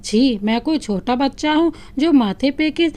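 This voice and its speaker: A woman's voice: high-pitched, lively intonation, a little slow, dark tone. A woman voicing a loving, playful young husband who teases his wife affectionately, in a storybook reading. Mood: teasing. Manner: teasing, affectionate.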